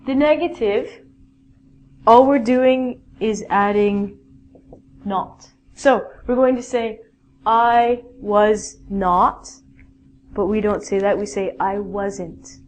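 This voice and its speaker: A woman's voice: medium pitch, takes it slowly, darkish tone, slight background noise. A woman teaching a basic English grammar lesson, patiently explaining rules and reading out example sentences.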